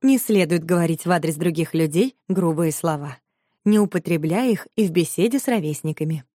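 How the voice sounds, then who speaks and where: A woman narrating a children's story, reading clearly and expressively. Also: on the low side, brisk, dark tone, no echo, studio quality.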